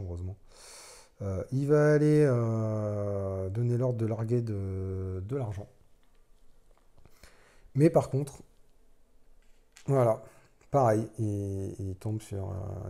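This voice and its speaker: A man's voice: on the low side, a little slow, creaky, pauses often, dark tone. A man casually playing a solo board game, thinking aloud as he explains the rules, with self-deprecating asides.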